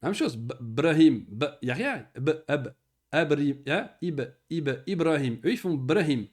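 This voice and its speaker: A man with a somewhat high voice teaches Arabic grammar to a single student. He explains patiently step by step, pronounces the Arabic words and phrases slowly, and keeps checking that his student has understood. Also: animated. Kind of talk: one-on-one Arabic grammar lesson.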